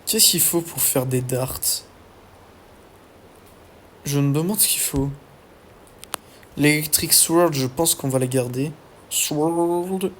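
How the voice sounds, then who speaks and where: A young man giving casual let's-play commentary, excitable and swearing often as he talks to his viewers. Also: mid-range voice, takes it slowly, pauses often, slight background noise. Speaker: gaming YouTuber.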